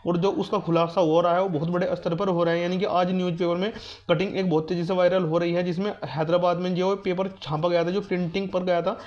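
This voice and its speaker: High-pitched and darkish, his voice stays flat as he talks fast. He's a YouTuber covering exam news and guidance, giving students an informal update and repeating points to reassure and instruct them, all in dull, muffled lo-fi sound.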